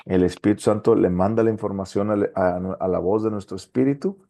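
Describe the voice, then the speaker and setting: A man, a pastor, teaching a Bible study with animated delivery, often pausing to ask his listeners if they follow and reading verses aloud. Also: on the low side, gravelly. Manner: animated preacher, asks rhetorical questions and reads verses aloud.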